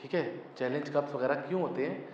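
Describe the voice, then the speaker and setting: A man's voice: on the high side, fairly quick, darkish tone. A man in his twenties, a football club founder and coach, talking emphatically in a casual interview and mixing in English phrases. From Pakistan. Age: 20s. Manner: emphatic, mixes English phrases, frequent "thik hai". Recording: echoey, distant, muffled, faint hum.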